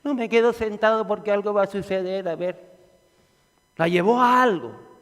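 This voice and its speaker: Fervent high-voiced preacher. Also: male voice, normal speed, big-room sound. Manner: fervent, repetitive, rising to shouts. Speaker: pastor. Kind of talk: sermon.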